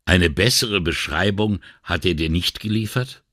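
A man's voice: deep voice, unhurried, fairly bright tone, no echo, clean studio sound. A man voicing a weary, indignant middle-aged male police inspector in an audiobook, sighing and exasperated. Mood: doubtful. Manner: sighing, exasperated and morally upset. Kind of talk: audiobook character reading.

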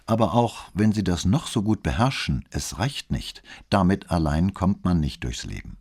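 Man doing a calm wry police commissioner, husky voice, lively intonation, audiobook figure. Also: low-pitched, normal speed, full character voice. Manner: calm, ironic and courteous.

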